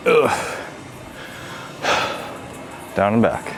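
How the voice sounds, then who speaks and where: Speaking very slowly with a creaky, lowish voice, a male vlogger chats laid-back to the camera between gym sets. The talk is rambling and casual, full of "dude," with noisy gym sound around him.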